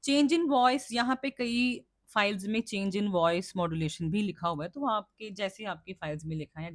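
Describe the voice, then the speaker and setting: A woman's voice: on the low side, dry recording, studio quality. Woman teacher quizzing her class. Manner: asks and answers own questions, checks understanding often. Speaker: teacher educator. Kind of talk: explaining lesson to trainee teachers.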